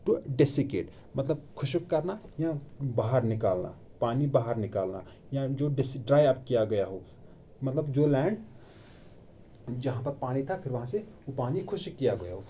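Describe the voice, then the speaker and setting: An exam coaching teacher delivers a classroom history lecture in Hindi sprinkled with English terms, posing questions and answering them himself while repeating key terms. His mid-range voice is expressive, a little slow and dark in tone. The online video lecture carries a slight hiss or hum.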